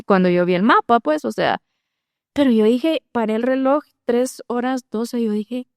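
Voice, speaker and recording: A woman recounts her testimony, slipping into the voice of her own thoughts as she goes. Her voice sits a little high, and the sound is dry and close. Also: normal speed, smooth, no room sound. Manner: animated storytelling, acts out her own inner thoughts. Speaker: guest sharing testimony. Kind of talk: conversational testimony.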